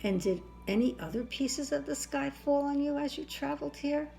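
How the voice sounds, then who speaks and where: A woman's voice: high-pitched, normal speed, vocal fry, dark tone, faint music behind, voice pushed up. A woman voicing a wise, curious king in a children's storybook, speaking patiently. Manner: questioning, explaining patiently. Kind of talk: children's storybook read-aloud.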